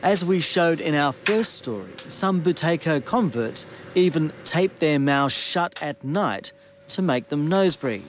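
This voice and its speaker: A man with a New Zealand accent reads a television news report in a measured, scripted manner. His voice sits somewhat high for a man. A faint hiss runs under the recording. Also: animated.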